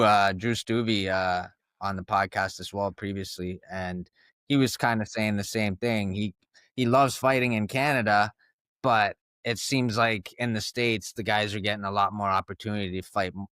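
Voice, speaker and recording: A man's voice: lowish voice, steady tone, moderate pace, fairly bright tone, smooth, no echo, clean studio sound. A man from Ontario co-hosting a podcast interview, asking questions in a hyped, casual way. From Hamilton, Ontario. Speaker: podcast co-host.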